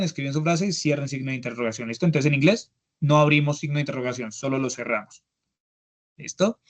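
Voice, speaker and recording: A man with a Colombian Spanish accent teaching English grammar in an online class, explaining step by step and often checking in with "¿listo?". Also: on the high side. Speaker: English instructor. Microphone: computer mic on a video call.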